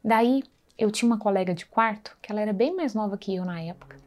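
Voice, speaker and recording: Woman, mid-pitched, earnest storyteller, relays a faith testimony conversationally and checks in with listeners. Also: fast talker, a little mellow. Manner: earnest, conversational, acts out dialogue, frequent tag questions. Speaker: speaker sharing a faith testimony.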